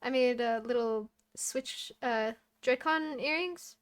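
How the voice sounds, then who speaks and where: A woman who makes and sells handmade plushies, talking in a relaxed, rambling way in a casual chat with friends. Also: fairly high pitch, slow, smooth. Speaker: crafter selling handmade plushies.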